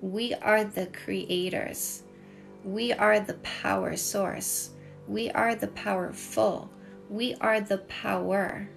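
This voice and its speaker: Taking it slowly, a middle-aged woman with a Canadian accent speaks in a medium-pitched, gravelly voice with a steady tone over soft music. As a dating coach hosting a casual livestream, she reads and responds to comments and repeats points for emphasis, recorded on a phone at arm's length in a small home room with shelves.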